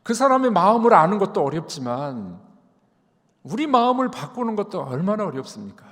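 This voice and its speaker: A man preaches a sermon from a church pulpit, his voice rising and falling widely and sitting slightly high for a man. He moves from quiet asides to loud emphasis and keeps asking the congregation questions. A long reverb from the large sanctuary trails each phrase. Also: fairly quick. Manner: animated preaching, swinging loud and soft, many rhetorical questions. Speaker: senior pastor.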